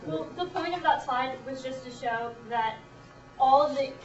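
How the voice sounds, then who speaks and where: Higher-voiced young woman, distant and echoey. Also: measured pace, soft background music. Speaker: student presenter. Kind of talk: answering feedback. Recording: roomy, dull, distant microphone.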